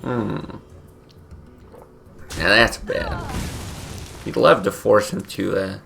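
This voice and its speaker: Sleepy gravelly low-voiced male streamer. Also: wildly swooping pitch, takes it slowly, bright, forceful tone, soft background music. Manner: laid-back, thinking aloud with many fillers. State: sleepy, morning voice. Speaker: game streamer. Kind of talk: casual gameplay commentary.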